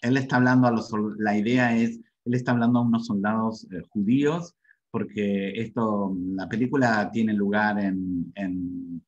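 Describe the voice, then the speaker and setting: A man presents a webinar lecture in a low, husky voice, often checking that his listeners follow. The sound is dull and lo-fi. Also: steady tone, moderate pace. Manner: repetitive, checks in with the audience often. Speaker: English-learning webinar presenter.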